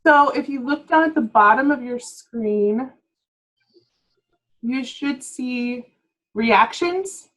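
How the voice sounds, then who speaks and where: A woman's voice: on the high side, animated, slow, long pauses, a bit bright, rough recording. A woman leading a staff training session over a video call, explaining step by step in a patient, casual way. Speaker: workshop presenter.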